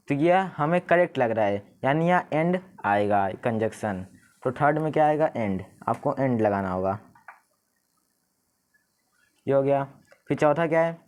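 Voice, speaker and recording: A young male tutor talks through an exam paper one step at a time. He reads each sentence slowly and clearly before explaining it. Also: a little high, darkish tone. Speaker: English tutor. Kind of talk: exam paper walkthrough lesson.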